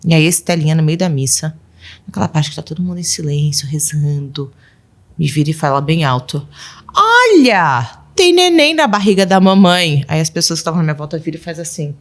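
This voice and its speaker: A woman's voice: low voice, fairly even intonation, fast talker, a little mellow. A woman in her thirties, a podcast guest and mother of twelve, telling casual stories and acting out her children's voices with frequent laughs. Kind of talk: casual storytelling interview.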